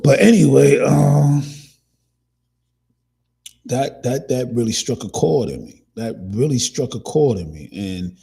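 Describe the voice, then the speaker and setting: A man's voice: medium pitch, gravelly, darkish tone, husky. A man hosting a casual commentary talk, rambling with many restarts and fillers. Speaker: podcast host.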